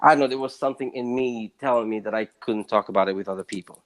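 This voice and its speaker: A man from Southern Italy, talking as a guest in a casual interview, emphatic and swinging widely in pitch and loudness. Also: fast talker.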